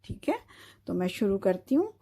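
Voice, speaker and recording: A woman's voice: medium pitch, sing-song, mellow, slightly rough. A woman from Pakistan teaching children an Urdu phonics lesson, sounding out words patiently and often checking "okay?" between them. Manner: slow, patient, drawn-out syllables with repeated checks of "theek hai".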